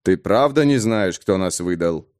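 A man voicing a calm young male warrior in an audiobook, measured and controlled, speaking in a formal, steady way. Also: sits low, no echo, studio quality, pitched below the performer's own voice. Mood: grim accusing. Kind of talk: audiobook character voice.

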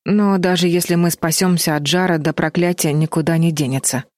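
A woman's voice: on the low side, fairly even intonation, a little fast, darkish tone, dry recording, clean studio sound, close to an everyday voice. A woman voicing an anxious, sensible girl who speaks sternly and pleads, in a storybook reading.

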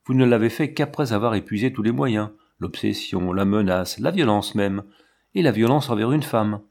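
A man's voice: lowish voice, animated, moderate pace, creaky, a little mellow. A man reading a stern, commanding count. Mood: accusing. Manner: curt, imperious, menacing. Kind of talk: audiobook narration.

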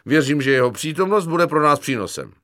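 A man's voice: a little high, sing-song, fairly bright tone, no echo, clean studio sound, pitched above the performer's own voice. A man voicing a cynical, joking young army medic corporal in an audiobook, slangy and chummy with a mocking edge. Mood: pompous. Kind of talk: audiobook character voice.

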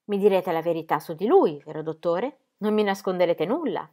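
A woman's voice: on the low side, animated, a little fast, warm tone. A woman voicing a docile, anxious young pastor's wife in an audiobook, asking worried questions.

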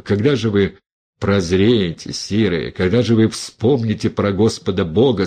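A man's voice: lowish voice, vocal fry, darkish tone, slightly rough, full character voice. A man voicing a severe, reproachful older abbess who preaches and questions sharply. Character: stern older abbess of a women's convent.

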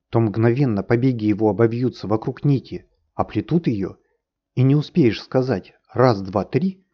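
Brief: fairy-tale audiobook, a man voicing a rambling, boastful old inventor, low voice, dull lo-fi sound. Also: natural voice. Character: wise old male drone, excitable inventor. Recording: dull lo-fi recording.

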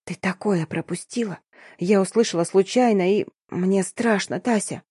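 A woman's voice: medium pitch, moderate pace, no echo, clean studio sound, natural voice. A woman voicing a young female friend who whispers her news in a scared, teasing, conspiratorial way. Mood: worried whisper. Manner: hushed, whispering, sly.

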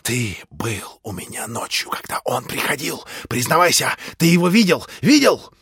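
A man voicing an agitated, proud young man who shouts in bitter outbursts. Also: low-pitched, big pitch swings, slow, breathy edge, dry recording, clean studio sound, heavily acted. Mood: furious. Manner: shouting, sharp, rising to cries.

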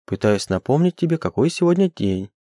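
A man reading an audiobook, giving the quoted lines of a shy young wife in a soft, murmuring way. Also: mid-range voice, expressive, normal speed, dry recording, clean studio sound, voice pushed up, lightly acted. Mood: quiet.

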